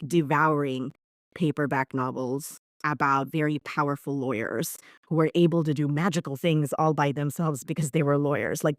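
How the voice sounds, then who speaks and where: A woman's voice: sits low, no echo, clean studio sound. A woman from Bangladesh, a corporate lawyer, telling her story earnestly as a podcast guest. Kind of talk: podcast interview.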